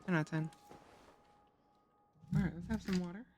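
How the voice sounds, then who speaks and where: A streamer narrating a game run in a loose, chatty way, cracking jokes and swearing now and then. The voice sits at an ordinary middle pitch. Everything is aimed at the chat watching live. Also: moderate pace, a little mellow, faint music behind. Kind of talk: casual gameplay commentary.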